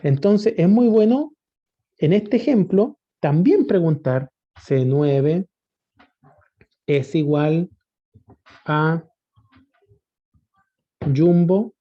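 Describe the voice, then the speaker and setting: A man's voice: on the high side, animated, very slow, pauses often. A man teaching a spreadsheet lesson, patiently asking rhetorical questions and often checking that students follow. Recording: dull lo-fi recording.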